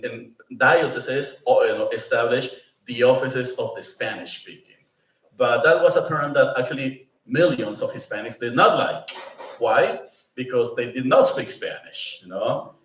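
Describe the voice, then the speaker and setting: A man giving a conversational lecture as a presenter at a pastoral institute, often asking the room "no?" and "you know?". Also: medium pitch. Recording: roomy, mic at a distance.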